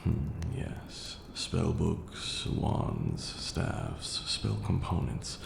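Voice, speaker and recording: A man performs a haughty, patient vampire lord for an ASMR roleplay, lecturing like a pompous magic tutor in a low, gravelly voice. He speaks deep and slow with long, deliberate pauses, and his pitch swings hugely in a heavily acted delivery. The recording has a roomy echo and a clearly audible background hiss.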